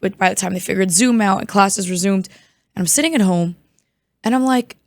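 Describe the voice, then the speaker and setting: A young woman with a hoarse, worn voice talks in a loose, chatty way, full of "like" and quick asides. Her pitch sits in the middle, and the sound is dry and close, with no room around it. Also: no echo. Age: 20s. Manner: chatty, many "like" fillers. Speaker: guest. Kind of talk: casual chat.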